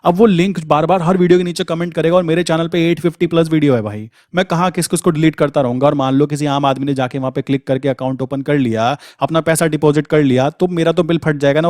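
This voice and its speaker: A man's voice: fairly high pitch, a little mellow, no echo. Chatty man teaching trading, dry sound. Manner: conversational, addresses viewers as brother, frequent "thik". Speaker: trading educator. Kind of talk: casual screen-share trading lesson.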